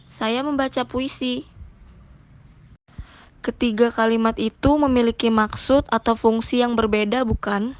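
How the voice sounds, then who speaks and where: A woman teacher reading a scripted lesson in a measured, explanatory way. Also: fairly high pitch.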